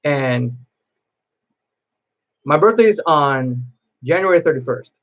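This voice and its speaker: A man's voice: a little high, expressive, takes it slowly, highs cut off. A man chatting to camera as a cosplay vlogger, telling a long personal story in a rambling way with many restarts.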